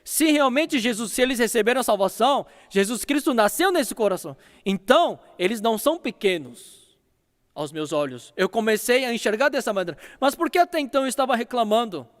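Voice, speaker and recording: A man's voice: very high voice, animated, fairly quick. A man preaching a sermon as pastor, telling a story and acting out phone calls, in a church hall. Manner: storytelling with acted phone dialogue.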